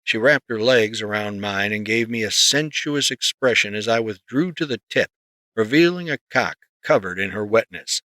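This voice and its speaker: A man narrating a story in the first person, reading in a steady, measured way close to the mic. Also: lowish voice, no room sound. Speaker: audiobook narrator.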